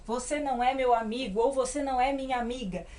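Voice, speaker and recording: A woman teaching English grammar at a whiteboard speaks in a fairly high, slightly mellow voice with a Brazilian Portuguese accent and a steady tone. She's patient, keeps asking short tag questions, and slows down to spell out every example, while a faint hiss or hum sits underneath.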